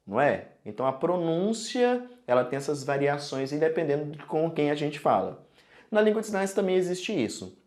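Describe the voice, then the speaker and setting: A man with a Brazilian Portuguese accent teaching sign language in an online tutorial, explaining in a lively way and often checking in with the viewer. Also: a little high.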